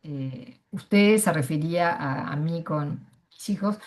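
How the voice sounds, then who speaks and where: A woman's voice: low-pitched, normal speed, vocal fry, a little mellow. A middle-aged woman from Argentina with an Argentine Spanish accent, sharing personal views at a panel in a hesitant way, with many fillers and restarts. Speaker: panel speaker. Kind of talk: casual personal testimony.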